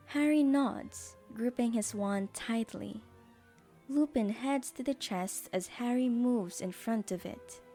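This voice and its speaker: A woman with a fairly high voice narrates a scripted audio drama at an unhurried pace. Her storytelling is mellow, with faint music playing underneath.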